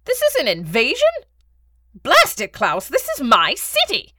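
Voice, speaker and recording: Brief: small panicky male scientist, shrill, loud and high in a storybook reading; woman voicing him. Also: huge pitch swings, moderate pace, vocal fry, no room sound, clean studio sound, distant mic, exaggerated voice. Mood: indignant. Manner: shrill, frantic outbursts.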